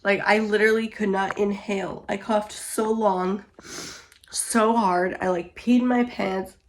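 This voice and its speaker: A woman's voice: mid-range voice, steady tone, a little slow, a little hiss or hum. A young woman with a sore throat who is sick, rambling and venting in a casual vlog at home. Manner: rambling and venting, lots of "like" fillers. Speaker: vlogger. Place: at home indoors.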